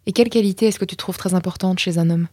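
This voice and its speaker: A woman hosting a podcast, asking a guest friendly, measured questions. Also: on the low side, a little mellow, husky, no room sound, studio quality. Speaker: podcast host. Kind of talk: interviewing a guest.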